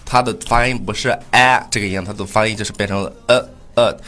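A man hosting a casual podcast lesson, patiently explaining pronunciation and slowly repeating example phrases. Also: fairly low pitch, steady tone, sharp tone. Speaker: host and pronunciation teacher.

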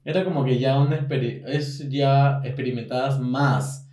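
A man's voice: medium pitch, steady tone, moderate pace, a little mellow, distant mic. A young man with a Peruvian accent, candidly telling a personal story on a casual podcast and laughing often. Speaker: podcast co-host. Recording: roomy echo, voice a bit off-mic.

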